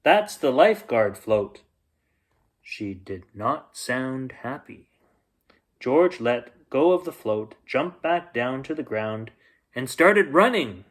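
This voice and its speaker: Reading a children's bedtime story aloud, a man performs it expressively, using dramatic emphasis and pauses. His medium-pitched voice is expressive and fairly bright in tone.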